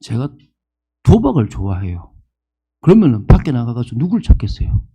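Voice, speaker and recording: A man's voice: medium pitch, big pitch swings, brisk, slightly rough, highs cut off. A man in his fifties preaching a sermon as pastor, asking the congregation questions and acting out the people he quotes. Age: 50s.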